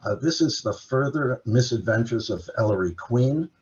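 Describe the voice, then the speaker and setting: In a muffled recording, a native Dutch-speaking man with an expressive, slightly mellow mid-range voice talks at a moderate pace about being an author and translator. It's a casual online library presentation, full of listed items and frequent "uh"s.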